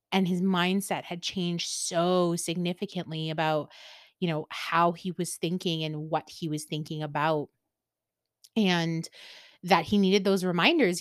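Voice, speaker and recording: A woman's voice: lowish voice, no echo, clean studio sound. A woman hosting a casual solo podcast, talking candidly about herself, swearing freely and laughing often. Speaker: podcast host.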